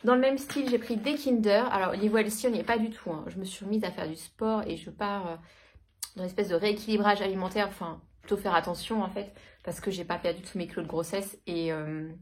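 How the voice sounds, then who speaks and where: A woman's voice: mid-range voice, quick pace. Chatty woman doing a shopping haul. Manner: chatty, hesitant, many fillers. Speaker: vlogger. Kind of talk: casual shopping haul chat. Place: home.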